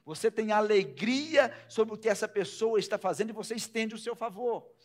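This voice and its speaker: Brazilian preacher guy, kinda high voice, goes loud then drops to a hush, keeps asking the crowd questions. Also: moderate pace. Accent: Brazilian Portuguese. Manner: swings between loud emphasis and hushed asides, many rhetorical questions. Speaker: pastor. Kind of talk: sermon.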